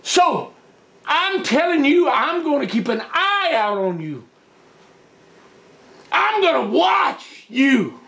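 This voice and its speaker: A blustering backwoods fisherman hollers in a very high, gravelly squeak. He drags every word out slowly, and his voice cracks and swoops as he boasts and threatens. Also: very animated, fairly bright tone, exaggerated voice. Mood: threatening. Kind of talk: comic character skit.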